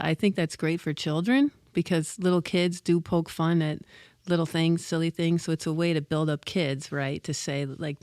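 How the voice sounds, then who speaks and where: A woman's voice: deep voice, a little mellow, no room sound, clean studio sound. A woman co-hosting a casual podcast who talks thoughtfully and conversationally, often checking in with a "right?". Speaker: podcast co-host.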